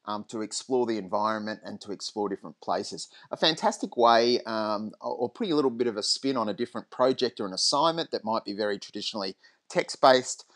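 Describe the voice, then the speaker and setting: A man talking through a screen-recorded teaching tutorial in a relaxed, rambling way. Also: on the low side, brisk. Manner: relaxed, lots of ums and restarts.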